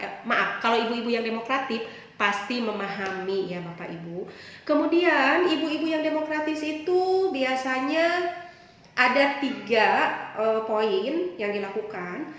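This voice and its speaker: Woman talking to parents at a seminar, keeps calling on them, big echoey hall. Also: on the high side. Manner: addresses audience often, repeats points, lively stresses. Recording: very echoey hall with faint hiss.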